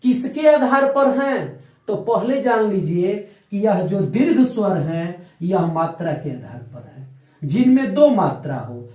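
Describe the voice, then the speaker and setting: A man with a high, light voice teaches at an unhurried pace. He stretches out sounds so learners can follow, and he often answers his own questions. The room around him rings with echo. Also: a little mellow. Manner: slow, drawn-out explanation, stretching out sounds for learners; asks the class questions and answers them himself. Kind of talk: classroom lecture.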